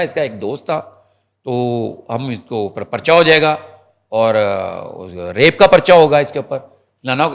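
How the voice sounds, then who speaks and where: A man at an ordinary pitch appears as a guest journalist on a talk show, giving conversational commentary. His storytelling is animated and rambling, full of restarts, fillers and asides aimed straight at the viewers, and he often slips into the voices of the people he quotes.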